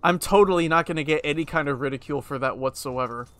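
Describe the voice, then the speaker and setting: A young man streaming a video game, muttering sarcastic commentary, swearing and yelling at enemies. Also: fairly high pitch, quick pace, clear, resonant tone. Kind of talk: casual gameplay commentary.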